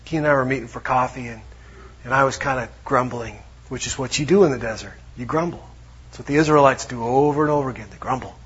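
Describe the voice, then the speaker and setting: A man preaching a sermon in a conversational way, dropping to hushed tones for emphasis. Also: medium pitch, fast, husky, highs cut off. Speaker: pastor.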